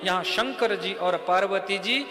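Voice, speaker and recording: A male preacher telling a sacred story in a devotional sermon, lively and addressing listeners with direct questions. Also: high-pitched, a little slow. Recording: echoey hall with music behind.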